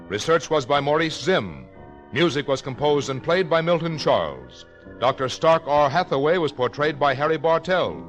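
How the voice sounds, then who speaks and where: Reading from a script, this American 1950s radio announcer keeps a formal, measured pace with deliberate enunciation. His pitch is a little high and his tone fairly bright.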